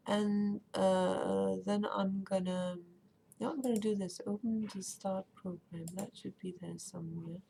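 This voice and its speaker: This Danish-speaking woman streams a game, chatting and rambling in a casual live stream and reading chat out loud. Her medium-pitched voice is unhurried, gravelly and mellow with little pitch movement; faint background noise is audible.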